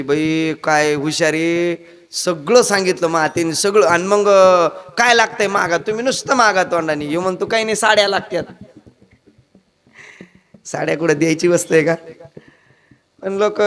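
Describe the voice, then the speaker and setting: A man's voice: moderate pace, long pauses. A man telling a comic devotional story as a kirtan preacher, acting out the characters in raised voices. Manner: animated, acts out characters with raised pitch.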